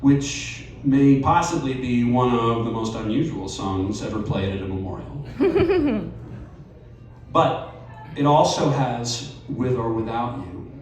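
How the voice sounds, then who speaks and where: Very animated yet slow and measured, a man with a mid-range, darkish voice reads a personal essay to a live audience at a storytelling night, dropping wry asides. The bar or event venue is very echoey, and he's captured from a distance, off-mic, with faint ambience and slight background noise.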